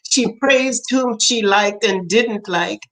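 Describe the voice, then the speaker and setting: An older woman from Trinidad, a poet being interviewed, telling family stories with lively quoted voices. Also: a little high, takes it slowly, poor audio. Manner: animated storyteller, acts out quoted voices, laughs often. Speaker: poet and author, interview guest. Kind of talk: storytelling in conversation.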